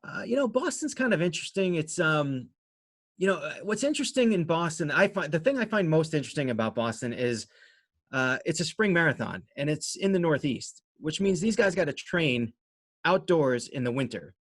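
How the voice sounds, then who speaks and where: A man's voice: fairly high pitch, expressive, moderate pace, no echo, studio quality. A man answering interview questions casually as a guest, in a rambling, self-deprecating way. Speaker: interview guest, amateur runner and race organizer.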